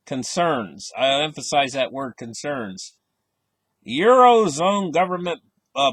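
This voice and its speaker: A man's voice: on the high side, a bit bright, dry recording. A man giving casual market commentary, reading out headlines and stressing words with a skeptical, offhand manner. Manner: casual grammar, frequent fillers.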